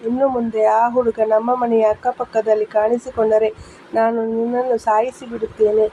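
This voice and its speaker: A woman's voice: fairly high pitch, flat delivery, normal speed, mellow, natural voice. A woman voicing a stern, angry middle-aged father in a storybook reading, speaking in a commanding way. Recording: dull lo-fi with faint hiss.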